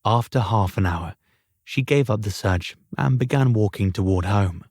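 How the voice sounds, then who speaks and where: A man narrates an audiobook in a measured, even storytelling manner. His voice sits on the low side, and the recording is dry and close, with no room sound. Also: no room sound. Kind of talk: scripted narration.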